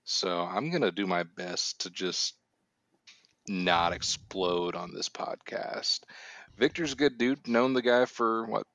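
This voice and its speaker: A man's voice: fairly low pitch, slow, fairly bright tone, dry recording. A man co-hosting a podcast, chatting casually with a hesitant, filler-laden way of talking. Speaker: co-host. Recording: dry, slightly dull lo-fi sound.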